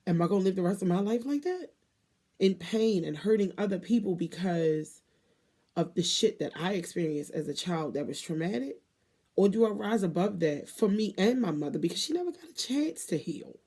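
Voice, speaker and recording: A woman in her thirties giving a candid, emotional personal monologue to viewers, with emphatic pauses and blunt swearing. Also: fairly low pitch, mellow. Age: 30s.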